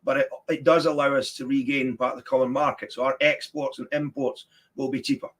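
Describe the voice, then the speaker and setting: An election candidate in a political interview explains policy earnestly and in detail, sometimes stammering on the first sound of a word. His medium-pitched voice is brisk, flat and a bit bright.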